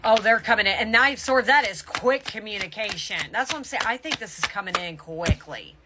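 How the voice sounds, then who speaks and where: A woman with a mid-range, expressive voice gives viewers a casual tarot reading against some background noise. She speaks emphatically but haltingly, often stopping mid-thought to correct herself.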